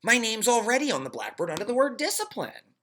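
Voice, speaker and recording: A fretful young schoolboy, as a woman puts him on in a storybook reading. He sounds raised and boyish, hesitant and uneasy. The delivery swings widely in pitch. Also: big pitch swings, fast, a bit bright, soft background music. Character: nervous young schoolboy tempted into mischief.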